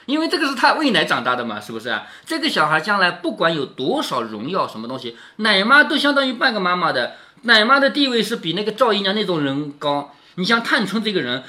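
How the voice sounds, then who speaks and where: A man reading a classic novel aloud to his daughter at home, explaining as he goes in a chatty way, often tagging on a quick question to her. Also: high-pitched, big pitch swings, bright, forceful tone. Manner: chatty, keeps asking "right?" with a dropping tag. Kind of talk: storytelling with casual commentary.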